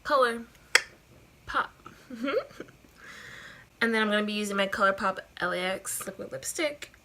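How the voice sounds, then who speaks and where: A woman's voice: medium pitch, fast talker, vocal fry, sharp tone. Here is a woman giving a casual makeup tutorial while giggly drunk. She rambles and repeats herself in a mid-range voice, with some light noise behind her. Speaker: beauty vlogger.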